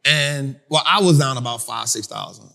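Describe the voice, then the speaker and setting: A man hosting a finance talk for a live audience, in a casual, animated storytelling style that acts out other people. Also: medium pitch, moderate pace, gravelly, long reverb tail. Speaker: finance speaker and host. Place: event venue with an audience.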